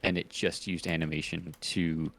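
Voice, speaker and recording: A man's voice: sits low, little pitch movement, moderate pace, creaky, fairly bright tone, dry recording. A man from Texas chatting on a podcast as the film fan, thoughtful and articulate with a dry humor. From Texas, USA. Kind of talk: casual podcast chat.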